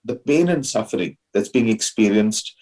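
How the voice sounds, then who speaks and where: Husky, posh Indian man, lower-pitched. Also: expressive, normal speed, darkish tone. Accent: educated, posh Indian English. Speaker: interview guest, alumni society president. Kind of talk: measured explanatory interview answers.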